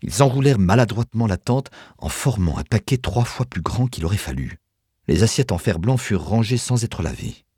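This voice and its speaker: A man narrating an audiobook in an expressive storytelling manner. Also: on the low side, a little fast, husky, no room sound, studio quality.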